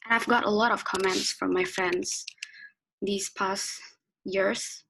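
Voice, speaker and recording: A woman speaking in a group video call, hesitant and halting. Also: mid-range voice, fairly even intonation, gravelly, fairly bright tone, a little hiss or hum, rough recording. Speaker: participant.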